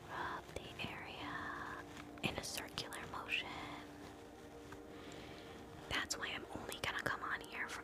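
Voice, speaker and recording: A woman whispering softly through an ASMR scalp-exam role play, chatting gently with live viewers between slow steps. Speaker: ASMR livestream host.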